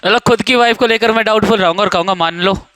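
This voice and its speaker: Young male coaching-class teacher, high clear voice, playful and teasing with students, dry classroom sound. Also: steady tone, rapid-fire, bright, forceful tone, no room sound. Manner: joking, teasing students, quizzing them by name. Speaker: English teacher. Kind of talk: classroom grammar lesson.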